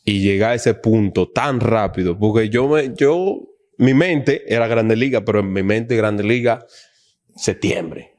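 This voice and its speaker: Young man in his twenties, podcast guest, animated storytelling with acted-out quotes. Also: on the low side, measured pace. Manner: animated, acts out quoted dialogue. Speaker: guest baseball player. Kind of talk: casual storytelling interview.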